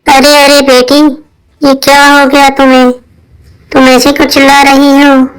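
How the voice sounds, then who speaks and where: A woman voicing a meek old mother-in-law in a cartoon moral story, gentle and pleading. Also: high-pitched, completely flat delivery, measured pace, no room sound, low-quality recording. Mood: concerned. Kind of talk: cartoon voice acting.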